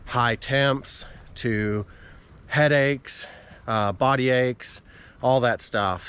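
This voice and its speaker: A man's voice: on the low side, fairly bright tone, clean tone. A man talking casually to his viewers as a running vlogger while out on a walk outdoors. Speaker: running vlogger and channel host. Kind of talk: casual vlog talk to camera.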